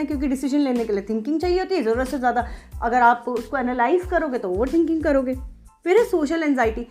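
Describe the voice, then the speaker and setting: High-voiced woman explaining self-help. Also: darkish tone. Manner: teacherly, repeats points with frequent check-ins; mixes English terms into Hindi. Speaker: podcast host, doctor.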